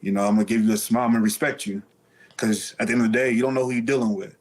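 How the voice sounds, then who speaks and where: A man's voice: on the low side, steady tone, racing. A man speaking candidly as an interview guest, telling stories casually in streetwise slang with some swearing.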